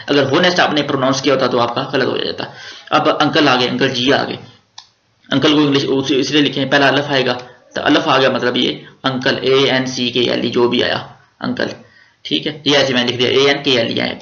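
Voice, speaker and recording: Pakistani man teaching grammar, bright gravelly voice. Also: medium pitch, roomy sound, muffled recording. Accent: Pakistani Urdu. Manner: repeats words, spells them out letter by letter; casual, jokey teaching with slang. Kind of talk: exam-prep grammar lecture.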